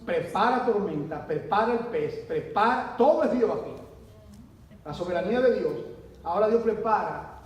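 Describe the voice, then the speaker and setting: A man, a pastor, preaching a sermon in a church, asking his listeners questions and swinging sharply between soft and loud delivery. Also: animated, moderate pace. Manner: preaching with rhetorical questions and dramatic swings in pitch and volume. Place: church hall. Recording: echoey church hall, voice from far off, faint hum.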